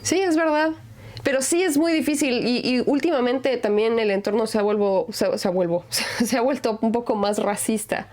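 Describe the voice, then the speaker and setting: A woman's voice: on the high side, normal speed, darkish tone. A young adult woman from Mexico, hosting a podcast and chatting reflectively in a neutral Mexican accent, with many fillers. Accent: neutral Mexican Spanish. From Mexico (Aguascalientes). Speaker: podcast host. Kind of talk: casual conversation.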